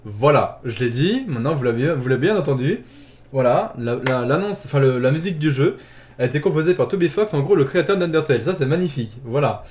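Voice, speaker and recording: A man's voice: mid-range voice, animated, fast, darkish tone, slight background noise. A young man casually recapping video game announcements, rambling, correcting himself and laughing at his own phrasing. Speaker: gaming YouTuber.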